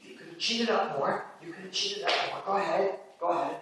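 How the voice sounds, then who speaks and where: A man's voice: sits high, fairly quick. A man directing actors at a rehearsal, encouraging and hands-on, often repeating himself. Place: rehearsal stage. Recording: echoey room from far off, background noise.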